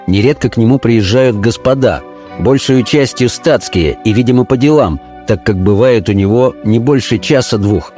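A man reading a period detective story aloud as scripted narration, in an even, measured manner. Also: mid-range voice, faint music behind.

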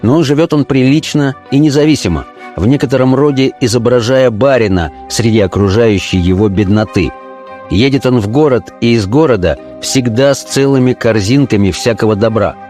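A man reading a period detective story aloud as scripted narration, in an even, measured manner. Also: medium pitch, faint music behind.

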